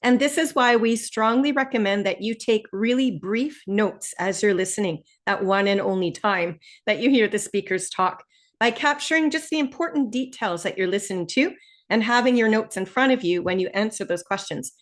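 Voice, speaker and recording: A woman with a mid-range voice and an Ontario accent, from Canada, teaches an online test-prep webinar. She's friendly and explanatory, slowing down to emphasize key points.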